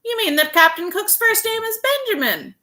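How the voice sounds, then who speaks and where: A prim, muddled telephone clerk from a storybook read aloud, speaking in a high, shrill voice. A woman acts him out, and her tone stays bright and clipped throughout. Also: big pitch swings, moderate pace, heavily acted. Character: fussy high-voiced male city hall phone clerk.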